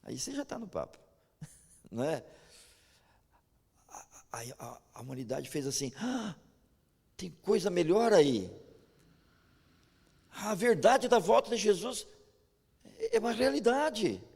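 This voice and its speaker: A man's voice: high-pitched, unhurried, creaky, long pauses, slightly rough. A Brazilian man preaching a sermon with a Brazilian Portuguese accent, telling personal stories and often stammering into restarts. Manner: storytelling, animated, frequent stammered restarts. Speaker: pastor. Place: large church hall. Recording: echoey church hall.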